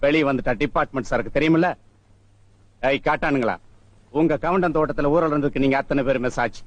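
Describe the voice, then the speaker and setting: An actor playing an arrogant, bullying police officer in a film scene, mocking and domineering. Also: male voice, on the high side, quick pace, no room sound, natural voice. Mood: threatening. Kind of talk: Tamil film acting.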